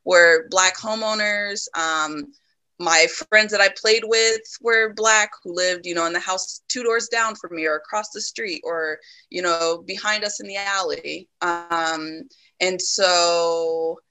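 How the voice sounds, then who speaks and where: Bright-voiced reflective woman. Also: on the low side, poor audio. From United States. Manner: reflective, many ums and likes, laughs often. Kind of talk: casual conversation.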